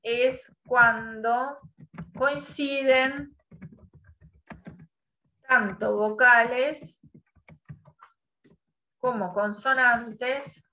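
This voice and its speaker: A woman teacher leading an online class, patiently quizzing students and spelling out sounds slowly. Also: fairly high pitch, steady tone, sharp tone. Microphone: video call. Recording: muffled online call audio.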